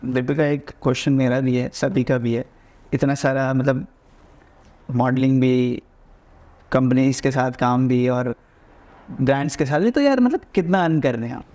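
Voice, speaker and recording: A man hosting a podcast, asking friendly questions in a relaxed way and mixing English into his talk. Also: mid-range voice, moderate pace, long pauses. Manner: friendly questioner, says yaar often, mixes English in. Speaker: podcast host. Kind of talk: casual interview questions.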